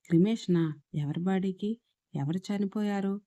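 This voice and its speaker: A woman's voice: mid-range voice, normal speed, warm tone, natural voice. A woman voicing a young woman's newly dead spirit who pleads in bewilderment and grief. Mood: bewildered.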